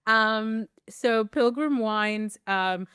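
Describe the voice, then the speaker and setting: A young woman from South Africa co-hosting a podcast, rambling in a relaxed way with many fillers. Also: a little high, very slow, clear, resonant tone, dry recording, studio quality. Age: young adult. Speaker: podcast co-host. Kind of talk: casual chat.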